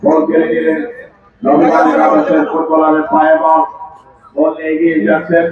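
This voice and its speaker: A man's voice: on the high side, monotone, brisk, heavy reverb, recorded from a distance, highs cut off, a crowd in the background. A man with a Bangladeshi accent giving live commentary at an outdoor football match.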